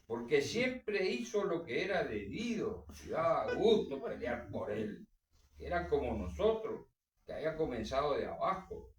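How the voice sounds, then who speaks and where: A man reading a story aloud for a book club, dramatic, with strong swings in pitch and volume. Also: sing-song, a little slow. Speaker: reader. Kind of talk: literary reading. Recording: roomy echo, distant mic.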